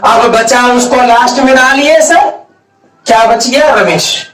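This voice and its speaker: A man with a very high, slightly bright voice teaches grammar at a board a little slowly, posing questions and answering them himself while stretching out key words. The room is echoey and the mic is far away.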